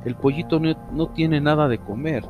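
Storybook know-it-all cat, male, fussy and excitable, raised voice, read by a man. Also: fairly high pitch, normal speed, phone-quality sound, pitched above the performer's own voice, close to an everyday voice. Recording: music under the reading.

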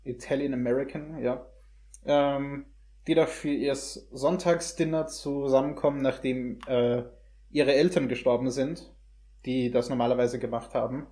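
A young adult man with a mellow, mid-range voice hosts a casual chat about films, speaking at a moderate pace with fairly even intonation. He hesitates as he searches for words and drops in English slang, giving the review a relaxed, conversational feel.

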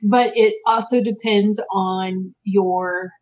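A woman's voice: mid-range voice, fairly even intonation, takes it slowly, a little mellow, muffled recording. A woman co-hosting a casual podcast, talking things through reflectively with many restarts. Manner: reflective, with frequent restarts and fillers. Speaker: podcast co-host.

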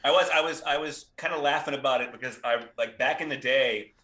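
Male podcast guest, forties, rambling and self-deprecating, bright voice, roomy echo. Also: mid-range voice, fairly quick. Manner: rambling, enthusiastic, self-deprecating, frequent restarts. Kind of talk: casual podcast chat.

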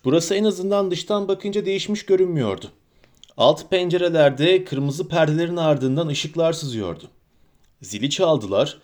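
A man reading a fantasy audiobook aloud in a slow, deliberate storytelling manner. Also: a little high, a little mellow. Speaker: audiobook reader. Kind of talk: scripted narration.

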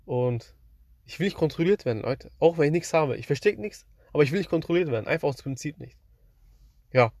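A man's voice: a little high, animated, brisk, a little mellow, no echo. Slangy young man telling dreams. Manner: slangy, rambling, addresses the audience. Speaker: streamer. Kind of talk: casual storytelling to viewers.

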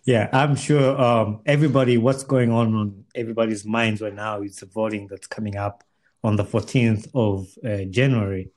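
A male talk show host with a fairly low voice and a Ugandan East African accent. He speaks in a conversational interviewing style, introducing things and putting questions to a guest. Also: fairly even intonation, moderate pace, a little mellow.

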